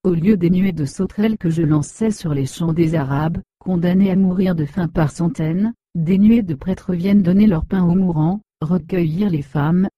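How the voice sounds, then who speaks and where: A woman's voice: lowish voice, mellow, no room sound. Woman voicing a proud fallen desert wind. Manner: lofty, lamenting storybook speech. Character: proud weakened desert wind spirit, male, bitter. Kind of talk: storybook reading.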